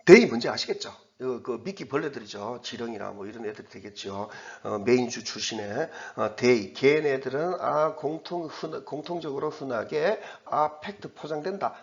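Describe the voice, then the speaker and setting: A man's voice: mid-range voice, normal speed, hardly any pauses, lo-fi sound. A man teaching English from an exam passage in a recorded lecture, explaining as he goes and correcting himself with fillers and restarts.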